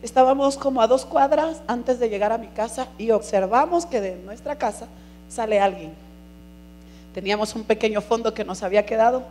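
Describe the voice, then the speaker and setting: A middle-aged woman giving an earnest church testimony, calling listeners brothers and swinging from hushed to emphatic. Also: fairly high pitch, normal speed, slight background noise. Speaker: congregation member giving testimony.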